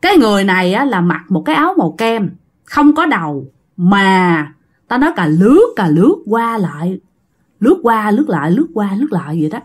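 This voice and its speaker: Her voice is mid-range and husky, swinging widely in pitch and running a little fast. She's a woman with a Southern Vietnamese accent, chatting with listeners as she tells a casual ghost story.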